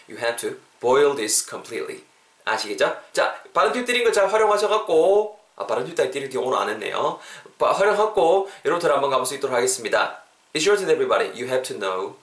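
A man hosting a casual English lesson podcast, animated and mixing English phrases into his explanations. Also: medium pitch. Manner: animated, spells words out, mixes English phrases. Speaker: English teacher podcast host. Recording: roomy echo.

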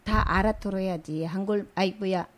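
A woman's voice: medium pitch, fairly even intonation, moderate pace. A woman from the Philippines, a radio guest, speaking in short repeated phrases and asking rhetorical questions. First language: Tagalog.

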